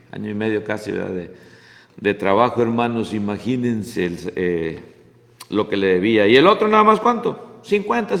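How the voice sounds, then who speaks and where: A man teaching a Bible class in a church hall, talking conversationally and dropping in English tags. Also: medium pitch. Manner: conversational, mixing in English tags, frequent "¿verdad?".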